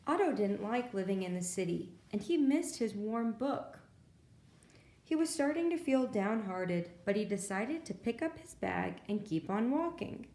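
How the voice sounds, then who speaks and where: For an audience of preschoolers, a children's librarian reads picture books aloud as a storyteller, expressive and chatting in small asides to the children. Her medium-pitched voice is warm, expressive, and unhurried, and the space sounds reverberant.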